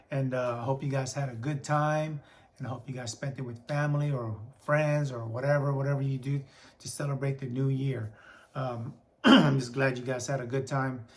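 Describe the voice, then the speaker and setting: Hoarse man chatting on a vlog. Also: mid-range voice. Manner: rambling, repeats and restarts words. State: hoarse, clearing throat often. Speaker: comic book vlogger. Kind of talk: casual vlog chat.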